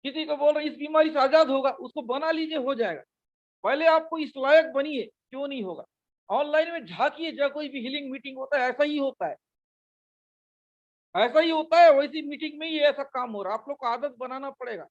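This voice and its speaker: A man's voice: very high voice, fairly quick, lo-fi sound. A male pastor delivering an urgent sermon, repeating his calls to the listeners again and again. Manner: urgent, repetitive exhortation.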